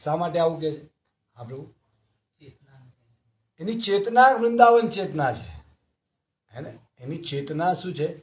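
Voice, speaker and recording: A man's voice: fairly high pitch, animated, measured pace, pauses often. A man giving a devotional scripture class, telling stories and asking his listeners frequent rhetorical questions.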